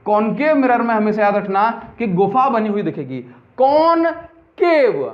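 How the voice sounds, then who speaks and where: A man gives a physics classroom lecture in a high, animated voice at a fairly quick pace, repeatedly stressing key terms and asking students whether they've understood. He mixes in English terms and asks and answers his own questions. The audio is dull and lo-fi.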